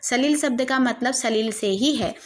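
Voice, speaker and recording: A woman with a high voice gives a literature lesson. She explains each point patiently and reads the verse lines slowly and carefully, recorded on a phone. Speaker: Hindi literature teacher.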